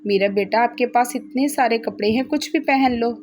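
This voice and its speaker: A woman's voice: a little high, normal speed, slight background noise, close to an everyday voice. Woman doing a patient, firm mother. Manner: reasoning, gently firm. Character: patient middle-aged mother, firm but calm.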